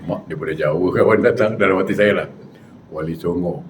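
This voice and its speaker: A man preaching with animated, jokey storytelling. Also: sits low, fast talker, slight background noise. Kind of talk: humorous storytelling sermon.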